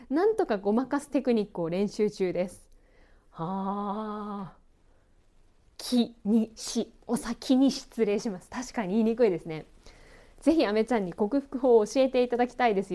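Mellow-voiced woman in a relaxed podcast chat. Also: mid-range voice. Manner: chatty, self-deprecating, laughs often. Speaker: podcast host and announcer.

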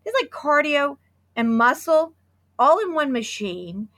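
A woman in her fifties with a hoarse yet high voice co-hosts a podcast, speaking unhurriedly. Chatty and excitable, she restarts her sentences often during casual chat that includes a sponsor read.

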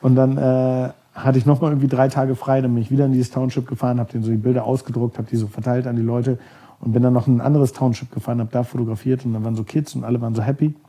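A man's voice: medium pitch, little pitch movement, racing, mellow. A man from Germany, a podcast guest, telling stories casually and rambling, often searching for words with many fillers. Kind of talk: casual storytelling.

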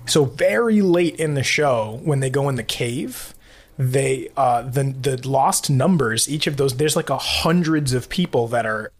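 A woman's voice: extremely low pitch, lively intonation, a little slow. A woman hosting a rewatch podcast, talking in a casual, rambling, jokey way. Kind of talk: casual chat and commentary.

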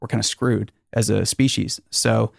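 A male podcast host with a slightly low, gravelly voice, recorded close and dry in a garage. He rambles casually and jokes drily. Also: level tone, normal speed, dry recording.

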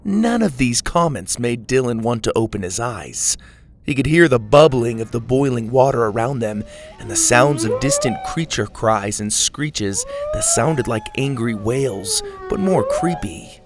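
Expressive male storybook narrator. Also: medium pitch, a little slow. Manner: expressive, dramatic.

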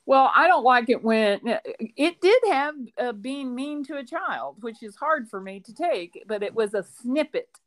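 A woman's voice: fairly high pitch, animated, a little slow, few pauses. A woman who teaches school, co-hosting a casual book podcast and telling rambling stories with side notes. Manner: warm storytelling, rambling asides, laughs often.

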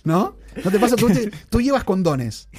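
A man's voice: high-pitched, very animated, moderate pace, a little mellow, slightly rough, no echo, clean studio sound. A man co-hosting a casual chat, telling long rambling confessional stories. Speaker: podcast co-host.

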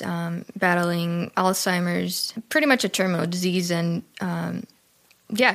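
A woman from Cuba, a podcast guest, telling her faith story in a slightly nervous way with soft laughs. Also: on the low side. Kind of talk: personal testimony chat.

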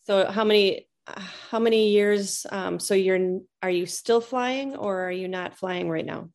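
A woman's voice: mid-range voice, unhurried, a little mellow. A woman hosting a casual interview, asking short prompting questions. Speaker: interviewer host.

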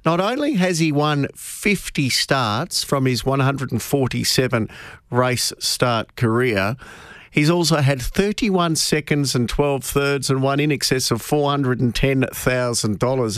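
A man's voice: mid-range voice, a bit bright, no room sound, studio quality. An Australian man hosting a racing radio show, asking eager, upbeat questions in an interview.

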